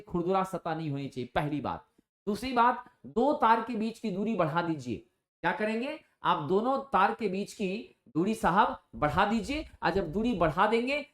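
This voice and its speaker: Male tutor, lively exam-prep lecturer, throws rhetorical questions, roomy echo. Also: high voice. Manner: energetic, rhetorical questions, calls students friends. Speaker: coaching teacher. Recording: echoey room.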